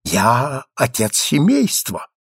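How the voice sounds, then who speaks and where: A man's voice: mid-range voice, huge pitch swings, takes it slowly, fairly bright tone, husky, no echo, clean studio sound, full character voice. A man reading aloud and voicing a prim, pious businessman with indignant, wailing speech. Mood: panicked. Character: smug, prim businessman, self-righteous then panicky.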